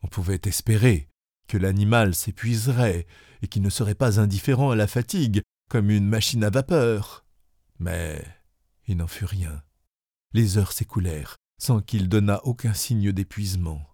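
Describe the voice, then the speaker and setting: A man narrating an audiobook in the first person, in a measured, steady way. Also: fairly low pitch, dry recording, studio quality.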